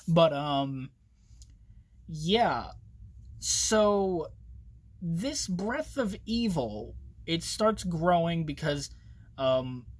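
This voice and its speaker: A young man giving a casual spoken book review, rambling and excitable, swearing often and trailing off with fillers. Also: on the high side.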